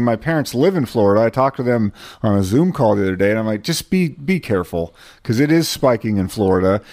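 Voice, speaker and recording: A man co-hosting a radio talk show, sardonic and animated as he talks. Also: medium pitch.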